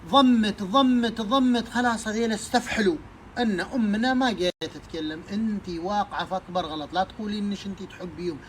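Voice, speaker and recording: A man's voice: sits high, fast, slight background noise, poor audio. A man giving emphatic advice to parents, preaching with many rhetorical questions. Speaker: social media speaker giving advice to parents. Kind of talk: impassioned advice monologue.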